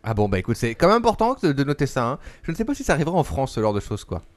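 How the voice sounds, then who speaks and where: A man's voice: mid-range voice, sing-song, very fast. A man co-hosting a casual podcast, chatting and playing along with the jokes.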